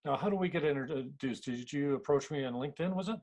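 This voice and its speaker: A man's voice: fairly high pitch, quick pace, a little mellow. A middle-aged Canadian man hosting a casual interview, talking in a rambling, self-deprecating way with many restarts. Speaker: podcast host.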